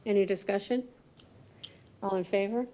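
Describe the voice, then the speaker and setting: Mellow-voiced American woman chairing a formal meeting. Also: mid-range voice, steady tone, normal speed, dull audio, a little hiss or hum. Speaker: board chair running a hearing. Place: public hearing room.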